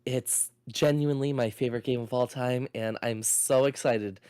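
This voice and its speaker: A man's voice: mid-range voice, fairly even intonation, normal speed, darkish tone, clear, resonant tone, no room sound, studio quality. A man talking casually as a co-host on a video game stream.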